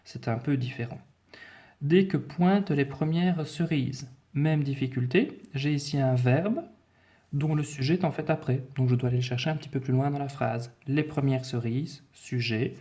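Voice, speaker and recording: A man's voice: mid-range voice, steady tone, moderate pace, dark tone. A man teaching a French spelling lesson, walking patiently and methodically through a dictation and repeating the key points.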